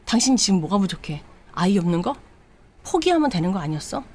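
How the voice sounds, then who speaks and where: A woman voicing a cheating husband who calmly justifies himself, close to her own voice. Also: mid-range voice, fast talker. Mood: defensive. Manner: defensive, matter-of-fact.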